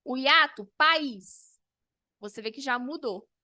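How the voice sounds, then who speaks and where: A woman's voice: sits high, slow, bright, forceful tone, no echo. A woman teacher, giving an online review lesson and explaining step by step, often checking in with her students.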